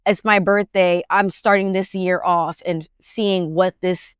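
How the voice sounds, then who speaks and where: Smooth-voiced young woman hosting a chat podcast. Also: fairly low pitch, steady tone, unhurried, no echo, clean studio sound. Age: 20s. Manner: rambling, heavy use of "like". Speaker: podcast host. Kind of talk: casual chat.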